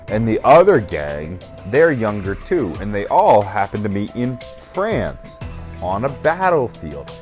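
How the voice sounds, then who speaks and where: A very drunk man rambling through a casual comedic retelling as host, emphatic and profane, often losing track and correcting himself. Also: lowish voice. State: very drunk, burping. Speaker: host retelling a video game storyline.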